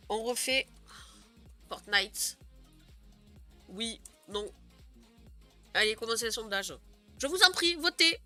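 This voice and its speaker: Talking loosely with her stream audience, a young woman laughs easily and trips over plenty of fillers in a chatty, giggly way. Her voice is slightly high, bright and forward, with faint music playing softly beneath this casual live stream chat.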